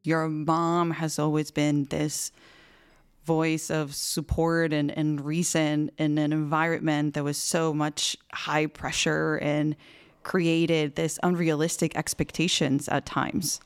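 A woman therapist interviewing a guest in a measured, supportive way. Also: sits low, flat delivery, clean tone. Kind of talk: gentle interview questions.

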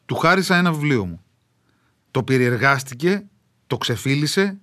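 A man, an author, reading aloud his own travel memoir in a wry, measured literary storytelling manner with dramatic pauses. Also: mid-range voice, expressive, pushed and bright.

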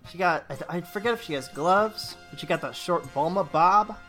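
A woman's voice: fairly low pitch, moderate pace, fairly bright tone, faint music behind. A woman co-hosting a casual podcast chat, joking and playful with casual swearing. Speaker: podcast co-host.

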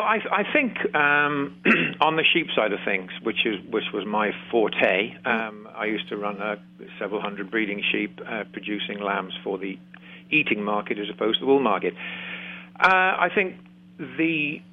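A man with an English accent and a low voice, speaking as a guest over a tinny, phone-like line. He talks in an easygoing, halting way, with plenty of "uh" and "um". He is from Shropshire. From Shropshire, England. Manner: easygoing, halting with many fillers. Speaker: guest, farming consultant and radio host. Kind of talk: casual interview talk. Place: remote, not in the studio.

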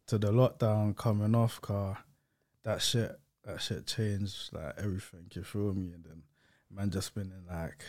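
A man's voice: fairly low pitch, flat delivery, measured pace, darkish tone. A man with a London roadman accent and heavy urban slang, chatting casually as a podcast guest in a hesitant way, often trailing off. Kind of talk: casual chat.

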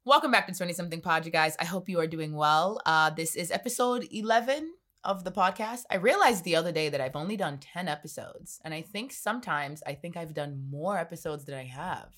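A woman's voice: fairly low pitch, animated, a little fast, hardly any pauses, fairly bright tone, faint music behind. A woman in her twenties hosting a podcast, chatting casually, joking and laughing often. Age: 20s. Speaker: podcast host. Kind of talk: casual chat.

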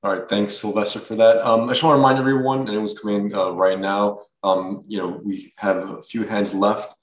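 Male moderator, low voice, off-mic in an echoey space. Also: steady tone, recorded from a distance. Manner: brisk, inviting questions. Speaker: event moderator. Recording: roomy, off-mic sound.

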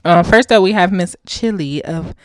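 A woman's voice: lowish voice, normal speed, no room sound, clean studio sound. A young woman co-hosting a podcast, chatting casually, playful and laughing often. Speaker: podcast co-host.

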